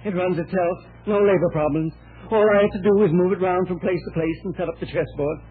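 A nervous, fussy little man in a vintage radio play. His voice is high and he rattles along, dithering and apologizing. The sound is tinny and narrow. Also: fairly even intonation, quick pace, breathy edge. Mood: fussy, explanatory. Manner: fretful, dithering, apologetic, repeats himself. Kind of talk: old-time radio drama acting.

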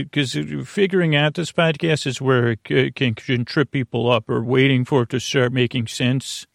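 A podcast host with a creaky, mid-pitched voice opens a sleep podcast with a rambling monologue, halting, restarting, circling back and trailing off the point. The recording is dry with no room sound.

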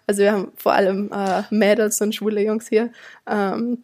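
A woman's voice: mid-range voice, flat delivery, moderate pace, a little mellow. A woman in her twenties from Germany with a slight American accent in her German, chatting casually and often searching for words. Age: 20s. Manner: hesitant, filler-heavy, searching for words. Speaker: interview guest, art student. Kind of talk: casual conversational interview.

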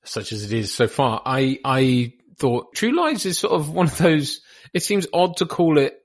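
A man's voice: a little high, normal speed, no room sound. A man in his thirties from the Bahamas, a podcast guest chatting casually and rambling with many restarts and self-mocking asides. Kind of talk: casual chat.

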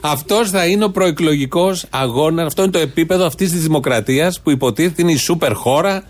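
A man talks politics on a show, his voice sitting on the higher side. He sounds indignant and sarcastic as he comments, in the loose rhythm of casual chat.

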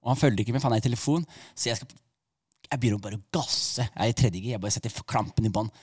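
A man's voice: slightly rough, dry recording, studio quality. Man telling a wild comic story. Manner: animated, wide swings in loudness and pitch. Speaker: comedian guest.

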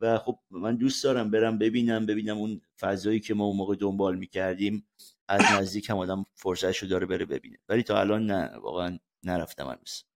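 A man's voice: on the low side, fairly even intonation. A man from Iran, a sports journalist guest, chatting casually on a podcast and often laughing as he tells stories.

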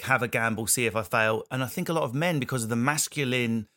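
A man from Southend, hosting a casual discussion in a blunt, animated way and swearing freely. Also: medium pitch, quick pace. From Southend, England. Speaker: podcast host.

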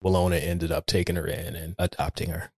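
A man co-hosting a podcast in relaxed, casual chat, laughing easily. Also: sits low, fairly quick, breathy edge, no room sound, studio quality. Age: older than co-host. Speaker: podcast co-host.

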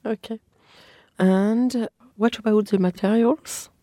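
A woman's voice: mid-range voice, steady tone, slow pace, dark tone, no echo, studio quality. A woman with a French accent, hosting a podcast with introductions and interview questions. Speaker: podcast host.

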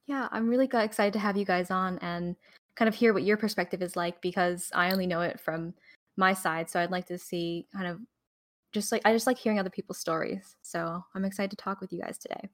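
A woman's voice: mid-range voice, steady tone, brisk, dry recording. Young woman, podcast host, casual interviewer, short replies, dry recording. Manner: warm prompts, short acknowledgments.

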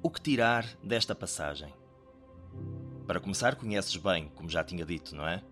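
A man with a European Portuguese accent hosts a podcast, explaining a Bible passage directly to the listener in a conversational, reflective teaching tone. His voice is deep, a bit bright and animated, at a normal speed, with faint music in the background.

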